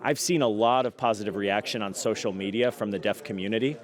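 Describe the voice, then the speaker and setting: A man's voice: lowish voice, fast talker. A man speaking in a red carpet interview.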